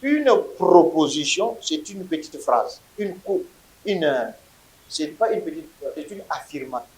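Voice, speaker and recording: Slow, loud-drilling male teacher in an echoey classroom. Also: a little high, animated, a little hiss or hum. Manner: drills vocabulary in loud call-and-response. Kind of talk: classroom lecture.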